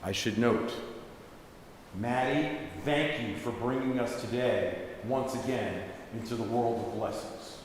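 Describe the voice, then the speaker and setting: Storytelling rabbi in echoey sanctuary. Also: male voice, medium pitch, a little slow. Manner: conversational, with asides. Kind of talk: sermon storytelling. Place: synagogue sanctuary. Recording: echoey synagogue hall, faint hiss.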